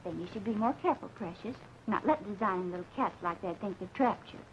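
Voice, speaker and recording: An actress playing a possessive young fiancée with sweetly cutting remarks in 1940s screwball comedy film banter. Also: female voice, medium pitch, animated, quick pace, natural voice. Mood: catty. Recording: muffled, noisy 1940s film soundtrack.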